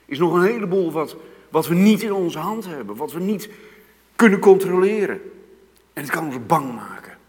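A man preaching a sermon, moving from hushed, slow passages to loud, emphatic outbursts. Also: fairly high pitch, animated. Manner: dramatic swings between hushed and loud emphasis. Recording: long reverb of a church hall.

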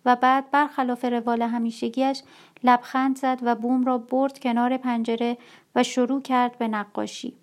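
Woman narrating a dark story, slightly high. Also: flat delivery.

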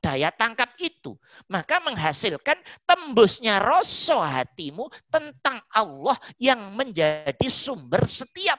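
A woman religious teacher preaches a sermon, her pitch rising and falling in lively swings. She repeats her warnings with emphasis. The recording is dry, dull and muffled. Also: no echo.

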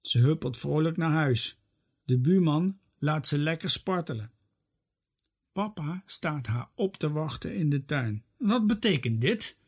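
A narrator reading a children's story aloud in an expressive, lively manner. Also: mid-range voice, unhurried, slightly rough.

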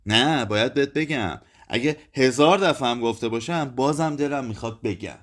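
A man voicing an angry, bitter drunk woman in an audiobook, raising his pitch to shout and sneer. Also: natural voice.

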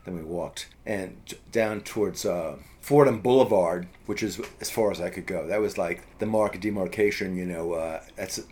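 A middle-aged man spins a long story in casual conversation. His voice sits fairly low, and he keeps circling back with fillers and restarts. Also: moderate pace, hardly any pauses, a little mellow. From US East Coast. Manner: rambling, many fillers and restarts.

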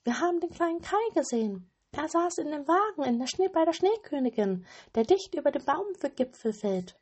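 A woman voicing small cooing wooden doves in a fairy tale, with quick, high chatter. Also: expressive, darkish tone. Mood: eager.

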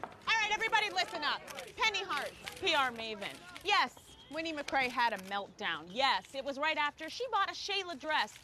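An actress playing a brash, showy publicist in a sitcom. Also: female voice, sits high, very animated, moderate pace, background noise.

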